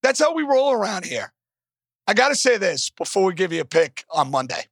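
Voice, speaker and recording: A man hosting a sports betting show in a worn-out, hoarse smoker's rasp, emphatic and repeating phrases for punch. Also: sits high, very animated, fairly quick, a bit bright, no echo, studio quality. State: voice strained and worn out. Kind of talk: animated sports betting commentary. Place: casino in Las Vegas.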